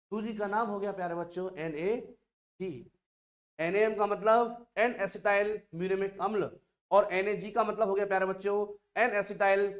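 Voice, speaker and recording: A man teaching an online science lesson, drilling terms by asking and answering his own questions over and over. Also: high-pitched. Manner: calls listeners "dear children".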